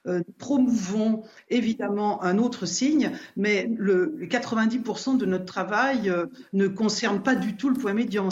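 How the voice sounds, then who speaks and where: An older woman, a professor emerita, arguing her point as a remote debate guest, insistent and explanatory with frequent restarts. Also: mid-range voice. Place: remote studio link. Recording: dull remote link.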